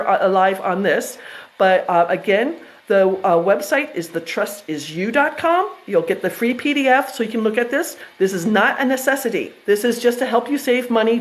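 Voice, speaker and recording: A woman's voice: on the high side, poor audio. Chatty American woman presenting. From United States. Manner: chatty, self-interrupting, with frequent fillers and restarts. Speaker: trust educator presenting to investors. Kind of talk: casual presentation with slides.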